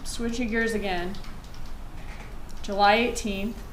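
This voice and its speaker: A woman's voice: mid-range voice, fairly even intonation, takes it slowly, a little hiss or hum, poor audio. A woman speaking as a lawyer in court, putting formal, pointed questions to a witness. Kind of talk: courtroom examination.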